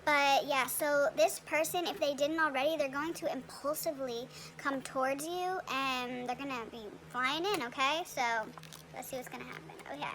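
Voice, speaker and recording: High-voiced young woman reading tarot. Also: fairly even intonation, normal speed, fairly bright tone, a little hiss or hum. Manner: chatty, many fillers and tag questions. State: talking with a retainer in her mouth. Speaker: tarot reader.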